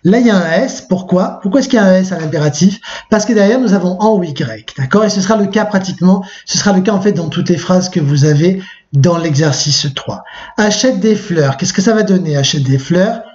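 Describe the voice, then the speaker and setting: Man, teacher, high voice, patient step-by-step video lesson, dull lo-fi sound. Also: darkish tone. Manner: patient, explains step by step, repeats "d'accord?" often; slows down to spell out example forms. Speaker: French teacher. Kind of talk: recorded video lesson for sixth graders.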